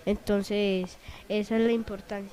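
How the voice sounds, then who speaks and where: A woman's voice: medium pitch, little pitch movement, measured pace, mellow. Young Colombian woman guest, hesitant, mid voice, lots of fillers. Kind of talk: talk-show discussion.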